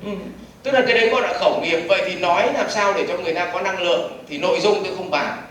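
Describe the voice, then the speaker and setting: A man lectures a live seminar in a high, bright voice. He keeps asking the audience questions and answering them himself. He is picked up from afar in a very echoey hall with faint ambient noise. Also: fast, distant mic. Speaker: business trainer.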